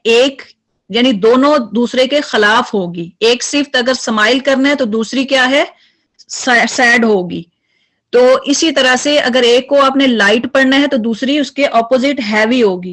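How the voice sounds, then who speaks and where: A woman's voice: sits high, a bit bright. A woman teaching Quran recitation in an online lesson, repeating letter sounds over and over as drills.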